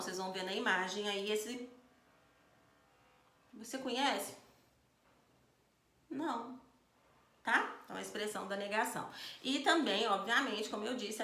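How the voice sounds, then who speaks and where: A woman's voice: medium pitch, sharp tone, reverberant. A Brazilian Portuguese-speaking woman teaching a recorded video lesson who explains step by step and often checks in with "né?" and "tá?". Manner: explanatory, frequent "né?" and "tá?" checks, acts out example sentences. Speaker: sign language teacher.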